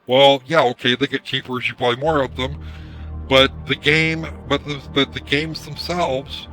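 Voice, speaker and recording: A hoarse man ranting casually on a live stream through a headset mic, his voice run through a voice changer, irritated and swearing as he repeats himself. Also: medium pitch, little pitch movement, measured pace, bright, forceful tone, soft background music, rough recording. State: hoarse from screaming. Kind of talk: ranting livestream commentary.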